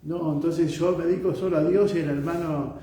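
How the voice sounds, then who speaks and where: Male priest, mellow voice, conversational sermon, very echoey distant room. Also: a little high, fairly even intonation, fairly quick. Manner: conversational preaching with rhetorical questions and acted-out quotes. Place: community house chapel, livestreamed mass. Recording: very echoey room, far from mic.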